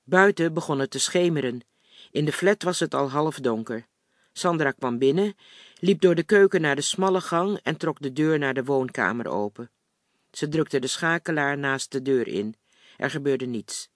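A man calmly reading a novel chapter aloud in a measured audiobook style. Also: fairly high pitch, dry recording, studio quality. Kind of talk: audiobook narration.

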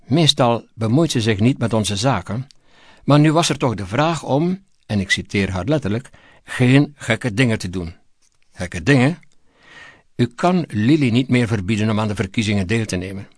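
A man's voice: on the low side, lively intonation, moderate pace, no room sound. A man voicing a cautious male minister who speaks hesitantly and deferentially, recorded dry and close. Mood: timid.

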